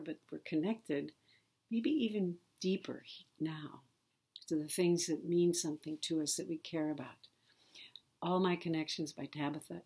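A woman hosting a poetry show, reading children's poems aloud in a soft, unhurried way, sometimes drifting into a whisper. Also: fairly low pitch, gravelly, husky.

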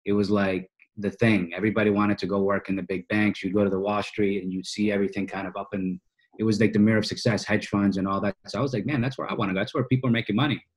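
A Boston man in his early thirties, a financial coach, tells his story as a podcast guest over a video call from a small indoor office, speaking in casual, slangy terms. His lowish voice has a breathy edge, fairly even intonation and a quick pace, and the recording quality is poor.

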